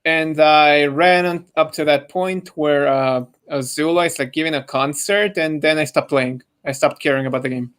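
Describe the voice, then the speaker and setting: A young adult man, an amateur fan dub voice actor, talks casually as one member of a podcast panel in a group chat. His phrasing is hesitant and stop-start, yet he speaks at normal speed with hardly any pauses. His voice is a little high, bright and clean, with fairly even intonation.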